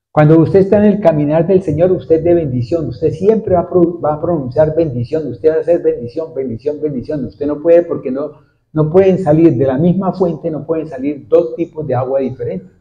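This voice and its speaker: A male pastor preaching a sermon to a congregation, repeatedly asking them questions in a steady, repetitive cadence. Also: fairly high pitch. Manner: asks the congregation frequent questions. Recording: dull lo-fi recording. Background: seated congregation.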